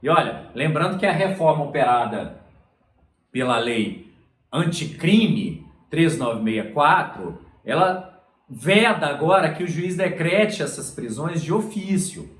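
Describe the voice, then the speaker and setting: A man with a fairly high voice lectures on law in an echoey room. He explains each point step by step and keeps checking in with his listeners. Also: animated, slow, fairly bright tone. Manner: explanatory, repeats "olha só" and "tá?".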